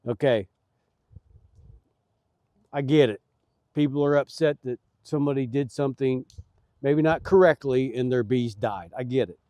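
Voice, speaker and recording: Middle-aged man, beekeeper, folksy and earnest, mellow tone, dry close sound. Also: medium pitch, moderate pace, long pauses, no room sound. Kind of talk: casual vlog talk. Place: outdoors at beehives.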